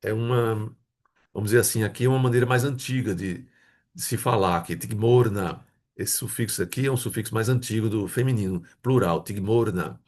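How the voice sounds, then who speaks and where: A man's voice: lowish voice, fairly quick, darkish tone. A man from Brazil, teaching a grammar lesson, patiently repeating words and checking in with his students. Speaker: Hebrew teacher.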